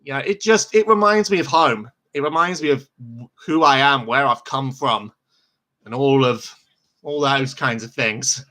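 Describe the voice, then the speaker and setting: Bright-voiced man chatting over a live match. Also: mid-range voice, a little slow. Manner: chatty and rambling, laughs often. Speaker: host reacting to a live football match. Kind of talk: casual live match commentary.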